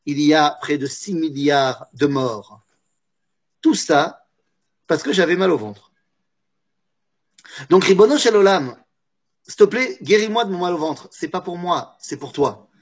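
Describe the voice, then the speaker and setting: A man teaching a religious lesson, telling a story with lively drama and frequent hesitant restarts. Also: on the high side, a little slow, long pauses, slightly rough. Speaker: Torah teacher.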